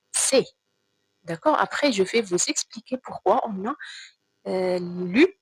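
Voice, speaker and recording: A woman teacher giving a slow, careful reading lesson to children, spelling out sounds and repeating words. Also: mid-range voice, breathy edge, no room sound, rough recording.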